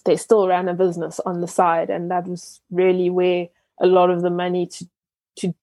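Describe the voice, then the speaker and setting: A young Ghanaian entrepreneur, appearing as a guest in an interview, thinks aloud in a lowish, fairly even, mellow voice. She is reflective, pausing often, correcting herself, and restarting with frequent fillers. The recording is close and dry, with no room sound.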